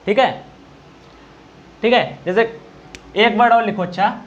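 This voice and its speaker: A teacher giving a Hindi grammar lesson for exam preparation, explaining slowly and answering his own questions. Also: medium pitch, dull audio, slight background noise.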